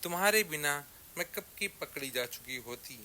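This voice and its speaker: A man's voice: a little high, animated, moderate pace, sharp tone. A man voicing a greedy, good-natured female goat who loves food in a children's story. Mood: cheerful. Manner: easygoing and food-loving.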